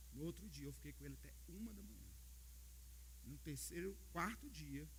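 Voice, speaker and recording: A Brazilian man preaching a sermon as pastor, telling stories in an animated way and often calling out to the brothers in the congregation. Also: a little high, slight background noise. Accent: Brazilian Portuguese. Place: church service.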